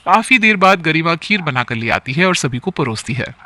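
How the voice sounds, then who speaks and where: Bright male storybook narrator. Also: fairly high pitch, big pitch swings, normal speed, no room sound. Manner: plain storytelling.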